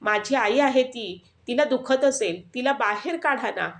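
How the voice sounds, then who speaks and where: A woman voicing a frightened, grieving little boy in a storybook tale, pleading tearfully and slowly. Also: a little high, close to an everyday voice. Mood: crying. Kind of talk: storybook narration.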